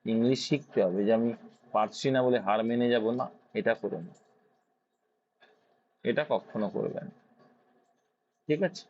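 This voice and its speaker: A man's voice: medium pitch, measured pace, long pauses, a little mellow, slight background noise. A man with a Bengali accent teaching English grammar as a tutor. He asks questions and then answers them himself. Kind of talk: explaining grammar to students. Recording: dull lo-fi sound.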